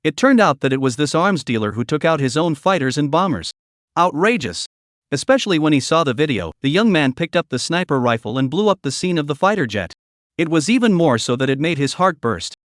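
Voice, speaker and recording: A man narrating a dramatic recap story in a scripted, animated reading style. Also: on the high side, fairly quick, no echo, studio quality.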